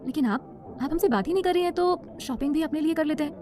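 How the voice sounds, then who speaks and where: A woman's voice: high voice, quick pace, mellow, faint music behind, voice pushed up, lightly acted. A woman voicing a young woman who scolds and then coaxes a child with formal, polite address. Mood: coaxing. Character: young woman, stern but caring guardian.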